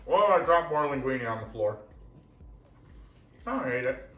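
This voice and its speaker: A man's voice: mid-range voice, very animated, a little slow, fairly bright tone, a little hiss or hum. A young man hosting a casual cooking vlog, chatty and self-deprecating, talking while he eats. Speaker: cooking show host. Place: home kitchen. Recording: roomy kitchen, mic at a distance, music.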